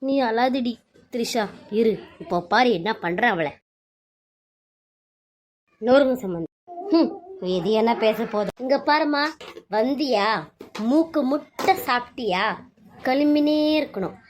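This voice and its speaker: A woman's voice: a little high, lively intonation, a little slow, long pauses, slight background noise. A woman voicing an indignant middle-aged mother who sternly defends her daughter. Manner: stern, scolding.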